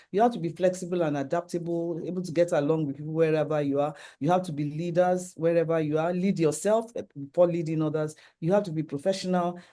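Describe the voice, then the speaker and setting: Giving a slide presentation, a middle-aged speaker with a Nigerian accent runs earnestly through lists of points in a mellow, dark-toned voice pitched mid-range. Now and then he restarts a sentence.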